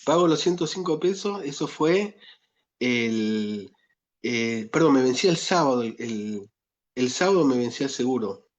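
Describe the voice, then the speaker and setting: A man's voice: medium pitch, expressive, moderate pace, highs cut off. A man with an Argentine accent, a pastor telling a personal testimony in a sermon, chatty and full of fillers. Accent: Argentine Spanish. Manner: conversational storytelling, many fillers.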